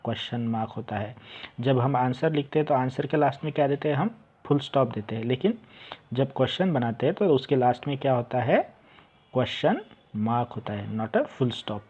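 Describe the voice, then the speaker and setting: A man teaching an English textbook lesson, explaining in Hindi and English, reading words aloud slowly and repeating them. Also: mid-range voice, lively intonation, darkish tone, breathy edge. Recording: dull lo-fi home recording.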